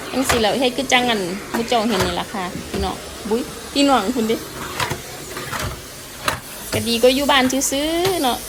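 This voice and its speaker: A woman vlogger with an Isan accent talks to her viewers in a frank, chatty way. Her voice sits a little high, and she laughs often. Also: a bit bright. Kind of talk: casual chat to viewers.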